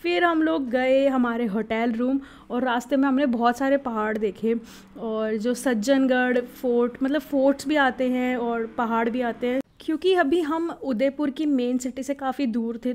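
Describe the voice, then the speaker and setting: A young woman narrating her first flight as a travel vlogger, excited and reflective, mixing in English words. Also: sits high, moderate pace.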